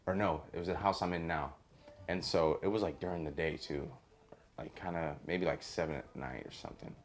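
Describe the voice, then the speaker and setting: A man's voice: very deep voice, lively intonation, fairly quick. A young man telling a long story in a rambling, casual podcast chat, full of swearing and fillers. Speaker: podcast host.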